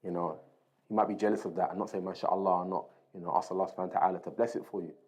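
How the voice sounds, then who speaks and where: Low and darkish in tone, this man's voice stays fairly even as he speaks in rapid-fire fashion. A religious teacher, he reads and explains a book during an informal Islamic lesson, breaking it down point by point, repeating key phrases and tossing in short tag questions.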